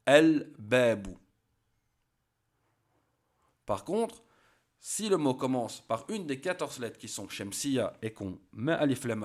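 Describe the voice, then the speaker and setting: A man teaching a language lesson, saying each example word slowly and then repeating it so learners can copy the pronunciation. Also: mid-range voice. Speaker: Arabic teacher. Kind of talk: slow spoken lesson.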